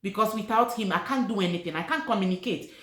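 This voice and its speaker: Talking fast in a mid-range, slightly bright voice, a middle-aged Nigerian vlogger, Igbo her first language, recounts her personal story to camera. She keeps it casual and earnest, repeating key words, and the room echoes.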